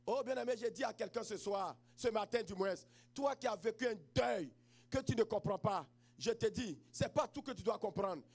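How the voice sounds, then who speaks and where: High-voiced preaching man with an Ivorian French accent. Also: moderate pace, breathy edge. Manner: preaching, swings between quiet storytelling and shouted exhortation. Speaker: pastor. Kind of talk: sermon.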